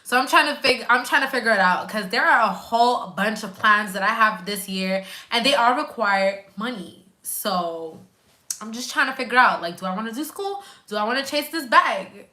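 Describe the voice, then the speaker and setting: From her couch at home, a woman in her twenties who works as a nurse hosts a casual stream, reading out comments and chatting directly with viewers. She sounds a little high, animated and bright, with a forceful tone at a normal pace.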